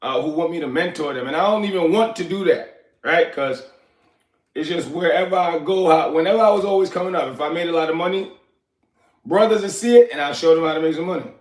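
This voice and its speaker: Speaking quickly in a slightly high voice, a Liberian man in his forties hosts a casual livestream from his echoey apartment, drifting between topics and answering chat by name. He still sounds like he's recovering from an illness, and he coughs at times.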